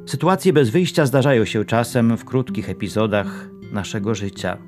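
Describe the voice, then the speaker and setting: A priest giving a short, reflective morning homily in a gently earnest way. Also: male voice, on the low side, moderate pace. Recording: soft guitar music behind.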